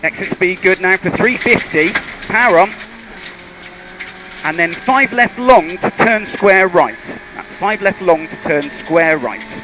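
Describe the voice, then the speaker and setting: Heard over a car intercom thick with engine and vehicle roar, a rally co-driver on a forest stage delivers pace notes in clipped, urgent bursts via his helmet headset. He has a high-sitting voice, animated but unhurried.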